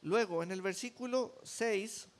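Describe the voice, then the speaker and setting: A man's voice: high-pitched, a little slow. A male pastor preaching a sermon, emphatic, often repeating words for weight.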